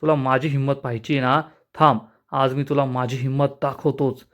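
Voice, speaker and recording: A man's voice: mid-range voice, flat delivery, moderate pace, fairly bright tone, close to an everyday voice. A man reading out the lines of a boastful, bullying man from a TV serial, in a jeering tone. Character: drunken, bullying grown man of the house.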